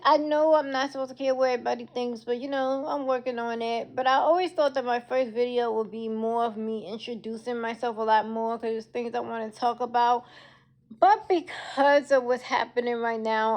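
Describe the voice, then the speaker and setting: A woman speaks in a somewhat high voice with the soft, lisping slur of toothless speech. She is candid and emphatic, talking conversationally as she shares her opinion in a live social media video. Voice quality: toothless, slurred lisping articulation.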